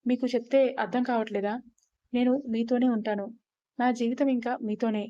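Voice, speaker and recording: A woman's voice: on the high side, level tone, normal speed, mellow, no echo, muffled recording, lightly acted. A woman voicing a tearful, desperate young woman in a storybook reading. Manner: tearful, pleading.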